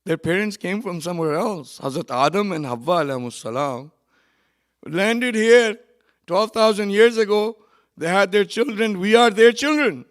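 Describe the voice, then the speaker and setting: This man preaches at a memorial gathering held in a community centre hall, his voice pitched high with lively intonation. Quiet, chatty asides alternate with loud, forceful lines, and he rattles off brief passages of Arabic verse.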